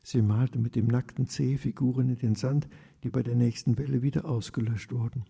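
Gravelly dark-voiced male storyteller. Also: medium pitch, steady tone, fairly quick. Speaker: narrator. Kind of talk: storybook reading. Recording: long reverb.

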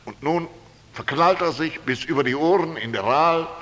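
A man's voice: fairly high pitch, normal speed, a bit bright. A male preacher retelling a Bible story in a folksy, colloquial way, often tossing "nicht?" to his listeners. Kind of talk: sermon, Bible story retold. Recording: long hall reverb.

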